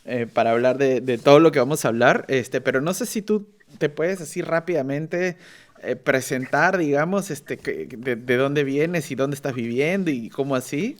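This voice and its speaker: A man's voice: medium pitch, normal speed. A Peruvian man hosting a casual podcast, talking in a chatty way with many fillers and repeated words. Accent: Peruvian Spanish. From Peru. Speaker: podcast host. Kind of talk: casual podcast intro and interview.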